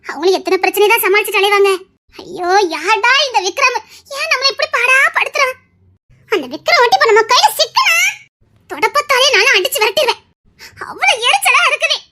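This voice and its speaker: An actress with a Tirunelveli Tamil accent playing a frazzled, fed-up young woman who complains in a rushed way in a TV serial. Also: very high voice, animated, sharp tone, exaggerated voice. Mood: irritated. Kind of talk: TV serial acting.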